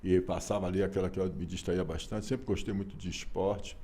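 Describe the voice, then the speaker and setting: A Brazilian man in his sixties, an author being interviewed, talking in an animated, emphatic way with rhetorical questions. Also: sits low, a little fast. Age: 60s. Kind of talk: casual conversational interview.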